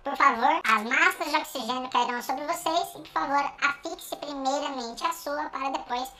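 A woman's voice: sits high, moderate pace, pitched above the performer's own voice, close to an everyday voice. A woman imitating a female flight attendant giving a formal, polite safety announcement over the cabin intercom.

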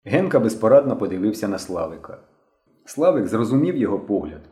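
A man narrating an audiobook in an expressive storytelling manner. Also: lowish voice, fast. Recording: roomy echo.

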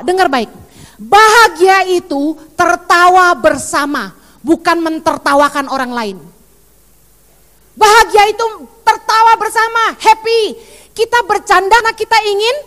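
A middle-aged woman pastor preaching an animated sermon, acting out the voices she quotes. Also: very high-pitched, big-room sound.

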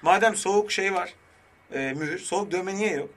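A man's voice: high voice, normal speed, a bit bright. A man co-hosting a radio show, riffing playfully and trading jokes with his partner. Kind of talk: casual comedic radio banter.

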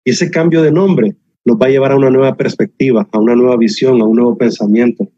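A man's voice: mid-range voice, quick pace, dark tone, breathy edge, no echo, dull audio. A man preaching a sermon as a pastor, emphatic and repetitive with touches of humor, heard over a video call.

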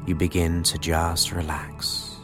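A man with a deep voice leads a guided meditation. He speaks very slowly and soothingly, placing short phrases between long pauses. New-age music plays clearly behind him. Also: flat delivery. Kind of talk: guided relaxation hypnosis narration.

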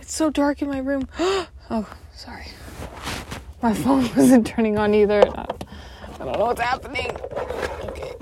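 A woman's voice: on the high side, normal speed, long pauses, noisy background. A young adult woman hosting a casual solo podcast, rambling and apologetic as she interrupts herself. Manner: scatterbrained, self-interrupting, apologetic. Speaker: podcast host. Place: bedroom at home.

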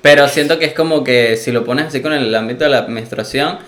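A man's voice: medium pitch, brisk, fairly bright tone, reverberant. A man, chatting casually on a podcast and telling a story with lots of laughter.

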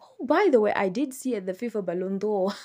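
A woman's voice: mid-range voice, animated, brisk, a little mellow. A woman hosting a casual motorsport recap, chatty and unscripted, often laughing and stopping to search for names. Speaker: Formula One recap host.

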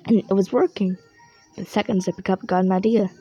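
A woman with a husky voice reading a children's story aloud in an expressive, playful storybook style. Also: medium pitch, fairly quick, soft background music. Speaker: storybook reader. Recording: dull lo-fi recording.

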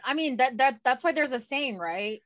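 A woman's voice: sits high, lively intonation, normal speed, a crowd in the background. A woman co-hosting a podcast in casual chat, playful and teasing as she steers the talk. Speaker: podcast co-host.

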